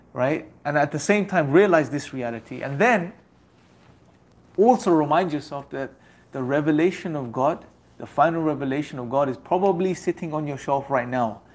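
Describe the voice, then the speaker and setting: A young man delivers a motivational religious talk in a voice slightly higher than the typical male range. Earnest and exhorting, he builds his points through rhetorical repetition.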